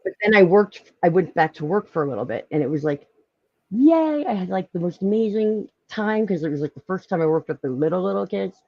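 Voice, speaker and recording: A woman with a Philadelphia accent, hosting a casual live-stream chat, talkative and quick to laugh. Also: fairly low pitch, creaky, no echo, lo-fi sound. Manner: chatty, lively, laughs often, many fillers. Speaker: podcast host.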